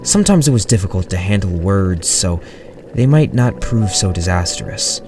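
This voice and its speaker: Deep male narrator, quiet and measured, slightly off-mic over soft music. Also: lively intonation, recorded from a distance. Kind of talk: horror story reading.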